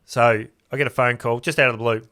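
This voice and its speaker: A man's voice: medium pitch, steady tone, quick pace, sharp tone. An Australian man, a podcast guest, telling a story in a casual, chatty way and acting out both sides of remembered conversations. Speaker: podcast guest, custom car builder.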